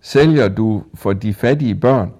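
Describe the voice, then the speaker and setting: A man reading a story and voicing a sweet, admiring schoolboy who speaks slowly and earnestly. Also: on the low side, darkish tone, natural voice.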